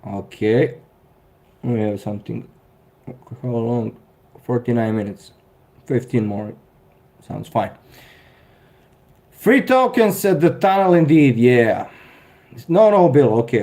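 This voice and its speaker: A man's voice: mid-range voice, mellow. A man in his thirties with a Serbian accent, hosting a casual live stream and answering viewer comments with dry sarcasm and frequent chuckles. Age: 30s.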